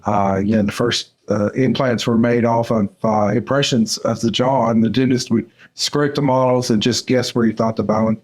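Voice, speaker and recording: An older man from Central Arkansas, a dental surgeon answering podcast interview questions in an unhurried way, with frequent "uh" fillers. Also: medium pitch, fairly even intonation, darkish tone. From Central Arkansas, USA. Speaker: dental surgeon and course mentor.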